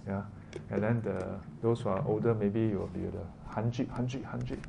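Speaking at normal speed in a low-ish voice with a steady tone, this man leads an informal class. His Singaporean or Malaysian accent comes through as he chats and keeps tossing out brief questions with local particles. The interactive lesson is recorded amid clearly noisy room sound.

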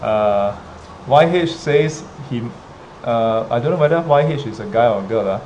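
A man speaks with a Singaporean accent in an expressive, medium-pitched, slightly mellow voice. Acting as a livestream host and teacher for his students, he tells a story casually, hesitating, pausing often, and repeating himself, against a clearly noisy backdrop of rain and ambient noise.

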